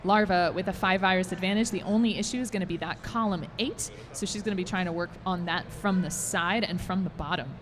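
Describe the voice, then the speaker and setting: A woman's voice: fairly low pitch, fairly quick, hardly any pauses, a little hiss or hum. A woman commentating a live game match at a gaming expo, giving upbeat play-by-play. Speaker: esports commentator.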